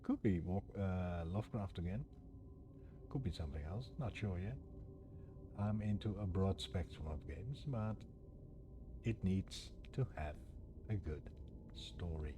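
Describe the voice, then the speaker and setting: A man with a deep voice hosts a game playthrough, musing casually and often asking the viewer questions. He's unhurried and leaves long pauses, with ambient background noise clearly audible.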